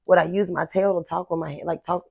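Laughing, lower-voiced woman co-host. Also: flat delivery, fast, gravelly, breathy edge, dry recording. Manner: laughing, profane, chatty slang. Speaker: podcast co-host. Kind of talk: casual chat.

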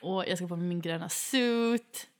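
A woman co-hosting a podcast in relaxed, casual conversation. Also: lowish voice. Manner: relaxed, listening, supportive backchannel. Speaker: podcast co-host. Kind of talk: casual chat.

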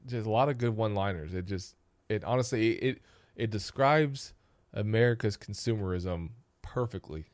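Man, podcast co-host, casual rambling chat, lowish voice, dry close sound. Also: normal speed, no echo. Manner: rambling, joking, repeats words.

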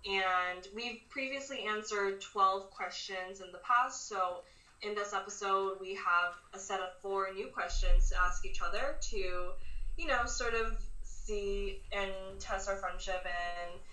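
A woman's voice: medium pitch, unhurried, sharp tone. A woman hosting a podcast, explaining things in an informal, slightly hesitant conversational way. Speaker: podcast host. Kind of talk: casual podcast introduction and explanation. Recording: roomy echo, distant from mic.

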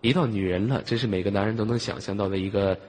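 A man's voice: on the low side, quick pace. A man hosting a live online voice chat, bantering and teasing callers in a joking way, often chuckling as he talks. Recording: noisy, long hall-like reverb on the mic.

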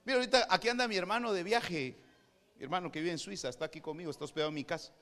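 High, bright Guatemalan preacher in a reverberant hall. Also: male voice, racing. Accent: Guatemalan Spanish. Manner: swings between quiet asides and shouted preaching. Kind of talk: sermon.

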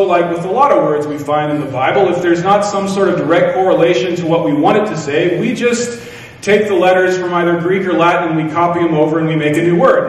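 A man preaching a sermon, telling stories with self-deprecating humor. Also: on the high side. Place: church hall. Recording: echoey hall from far off.

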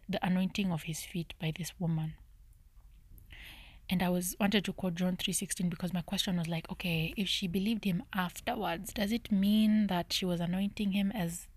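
Female podcast host, low-pitched, half-whispered Bible-study musing, self-correcting, dry close sound. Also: fairly even intonation, moderate pace, a little mellow, no room sound. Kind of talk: thinking-aloud Bible study.

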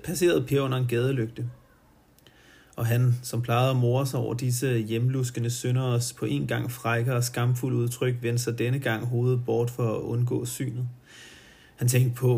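Gravelly man reading a novel aloud. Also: medium pitch, darkish tone. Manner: halting, stops to correct his own slips. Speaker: reader.

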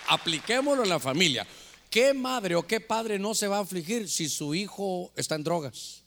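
A man preaching as a pastor, swinging between loud fervor and hushed storytelling. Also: high-pitched, vocal fry. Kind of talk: sermon. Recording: long hall reverb.

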